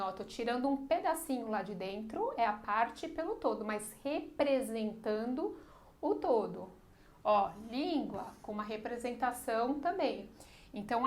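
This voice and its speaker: A woman's voice: on the high side, slight background noise. A woman teaching an online literature lesson, explaining step by step and often checking in with her students.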